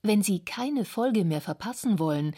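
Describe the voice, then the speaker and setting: A woman's voice: mid-range voice, expressive, moderate pace, dark tone, breathy edge. A woman reading a scripted radio announcement as a podcast announcer.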